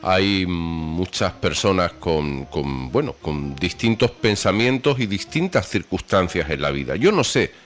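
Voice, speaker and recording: A man's voice: deep voice, lively intonation, unhurried, hardly any pauses, faint music behind. A man hosting a radio interview, putting a long, thoughtful question and searching for his words. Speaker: radio host.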